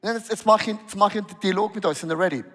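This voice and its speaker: Male preacher, emotive and animated, raised pitch, recorded in a reverberant hall. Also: fast. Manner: lively, emotional, acts out dialogues with Jesus. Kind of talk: sermon.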